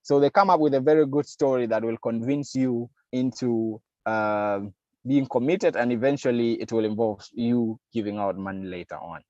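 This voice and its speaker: A man's voice: medium pitch, moderate pace, mellow, dry recording, highs cut off. A man giving an online masterclass lecture on digital security, explaining step by step with frequent fillers and acting out lines that a scammer might say. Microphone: video call.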